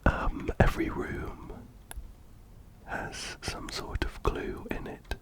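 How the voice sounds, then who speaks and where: A man with a cold and blocked nose, whispering gameplay commentary ASMR close to the mic, ear to ear. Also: slow. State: stuffy nose from a cold, breathing through the mouth. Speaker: ASMR gaming channel host. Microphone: close binaural mic, ear to ear.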